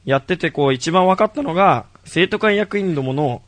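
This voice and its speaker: A man co-hosting a casual podcast chat, excitable and quick to laugh as he jokes with his friends. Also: sits high, no echo. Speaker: podcast co-host. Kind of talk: casual chat about an anime concert.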